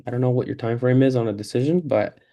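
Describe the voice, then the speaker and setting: A man with a mellow, darker tone guides a practice mentoring talk grounded in faith. He sounds easygoing and encouraging, and his speech is loose and full of fillers. His pitch sits in an ordinary middle range. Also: fast talker, lo-fi sound. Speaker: peer mentor in a practice session. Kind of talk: faith-based mentoring conversation.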